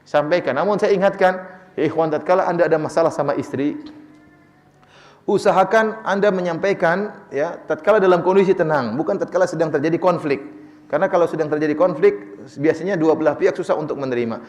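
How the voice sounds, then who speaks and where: A man preaching and answering audience questions in a lively manner, acting out quoted dialogue with light chuckles. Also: fairly high pitch, fairly quick, in a large hall. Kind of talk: sermon Q&A.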